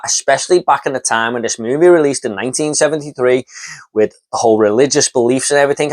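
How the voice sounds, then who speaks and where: A man giving a casual, enthusiastic spoken review of horror films, rambling with lots of fillers and repeating words as he starts a thought. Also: medium pitch. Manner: enthusiastic, rambling, with many fillers like "you know" and "and everything".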